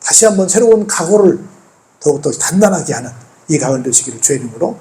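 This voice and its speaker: A man's voice: fairly high pitch, big pitch swings, fast, mellow, slight background noise. A male pastor preaching a sermon in church, telling the story conversationally and peppering the congregation with rhetorical questions.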